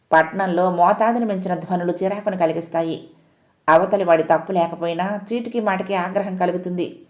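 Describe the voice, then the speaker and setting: A woman narrating a story in a calm, measured reading voice, giving the characters' lines a gentle lift. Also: on the low side. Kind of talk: audiobook-style story narration.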